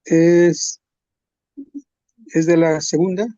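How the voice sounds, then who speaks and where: Hesitant male student, slightly high. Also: level tone, extremely slow, mellow, lo-fi sound. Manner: hesitant answers with restarts.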